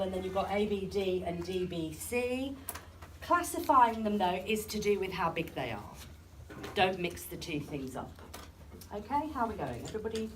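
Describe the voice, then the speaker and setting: A woman teacher leading a classroom lesson, asking students questions and encouraging their answers. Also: medium pitch. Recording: distant classroom recording with noise.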